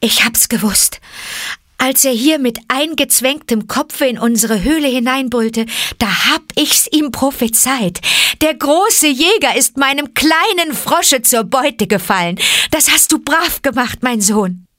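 A woman's voice: high-pitched, lively intonation, unhurried, fairly bright tone, no room sound, studio quality, voice pushed up. A woman doing a proud mother wolf. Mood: triumphant. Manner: triumphant, fond.

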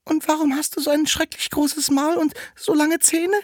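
Rotkäppchen, man doing a high little girl. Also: little pitch movement, normal speed. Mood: wondering. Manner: high, bright, wide-eyed questioning. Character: little girl, innocent and curious.

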